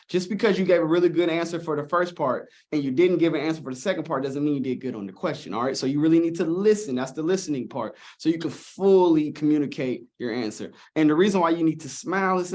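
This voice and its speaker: A man's voice: fairly high pitch, darkish tone. A man coaching students on interviews during a live webinar, casual and encouraging, often checking in with "all right?". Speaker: presenter.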